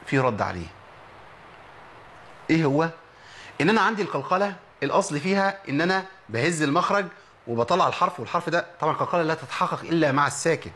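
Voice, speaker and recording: A man's voice: fairly high pitch, a bit bright. A man with an Egyptian Arabic accent teaching Quran recitation, who asks rhetorical questions and demonstrates the sounds. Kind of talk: tajweed lesson.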